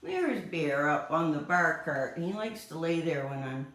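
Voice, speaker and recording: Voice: medium pitch, lively intonation, moderate pace, a bit bright, echoey room. A cat vlogger chatting casually to camera at home, laughing often and talking to the cats.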